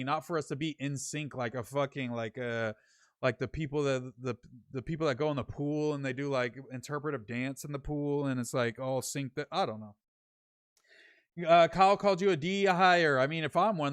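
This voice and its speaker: A man's voice: a little high, a bit bright, no room sound, clean studio sound. A young man hosting a casual livestream, reading viewer comments aloud and reacting with slangy jokes. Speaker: podcast host reading chat.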